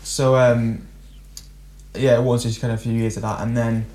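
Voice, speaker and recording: A young man, a musician guest, telling stories in a rambling, animated way with frequent laughs. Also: medium pitch, moderate pace. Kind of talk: casual storytelling chat.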